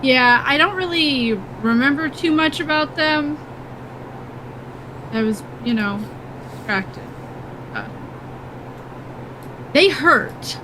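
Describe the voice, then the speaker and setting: A woman chats casually as a player in a tabletop game. Her voice sits on the high side and moves slowly and hesitantly, with clear noise in the recording. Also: animated.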